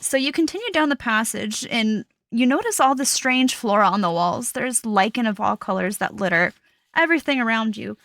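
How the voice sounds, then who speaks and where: A woman narrating as dungeon master in a tabletop game, setting scenes in a calm, descriptive way. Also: a little high, no echo.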